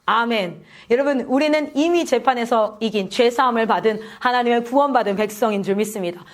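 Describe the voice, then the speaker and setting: A woman's voice: a little high, fairly quick. A woman missionary preaching a sermon at a prayer meeting, asking the congregation questions and calling out hallelujahs.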